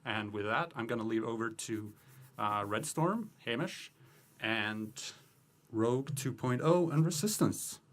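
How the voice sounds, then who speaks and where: Hurried man rushing through announcements. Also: mid-range voice, animated. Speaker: game news presenter. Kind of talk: rapid news update.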